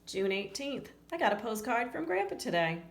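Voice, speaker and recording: A woman with a slightly high, creaky voice reads a picture book to children at a moderate pace. Her reading is expressive, with acted-out lines and friendly asides to the little listeners. A roomy echo and faint background noise run through the clip.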